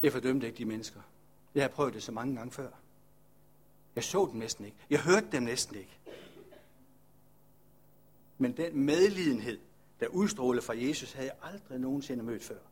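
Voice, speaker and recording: A man's voice: mid-range voice, pauses often, darkish tone, breathy edge, lightly acted. A man voicing a weary, humble male leper farmer who is telling his own story earnestly in the first person. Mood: awed.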